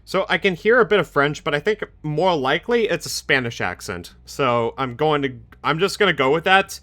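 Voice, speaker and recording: Young male streamer, sarcastic reaction commentary, bright voice, animated pitch, faint game music. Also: normal speed.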